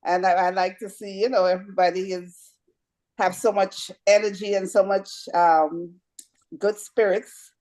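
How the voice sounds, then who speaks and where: A woman's voice: mid-range voice, fairly even intonation, normal speed, a little mellow. A woman from Guyana, a home care agency owner chatting and patiently explaining at a community meeting. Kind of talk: introducing herself at a community meeting.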